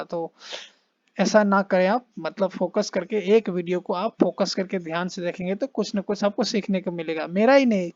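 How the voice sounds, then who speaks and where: A man teaching English in Hindi, explaining phrases and slowly modeling their intonation. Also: high voice, a little mellow, dry recording, highs cut off. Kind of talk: casual spoken English lesson in Hindi.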